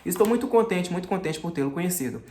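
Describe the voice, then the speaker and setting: A man's voice: sits high, lively intonation, fast talker, darkish tone, a little hiss or hum. A man voicing an insistent, fawning middle-aged magistrate in an audiobook reading. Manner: insistent, chatty, falsely friendly. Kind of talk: audiobook character voice. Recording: roomy echo.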